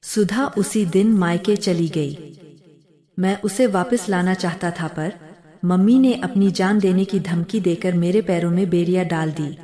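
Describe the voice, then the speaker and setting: Slow, heartfelt woman storyteller. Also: lowish voice, dark tone. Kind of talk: scripted emotional story narration.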